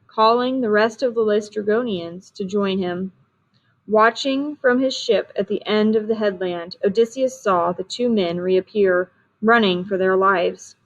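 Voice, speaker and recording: A woman reads a storybook aloud at an even, steady pace, her voice sitting at a middle pitch. The sound is muffled and lo-fi, lacking crispness. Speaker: reader.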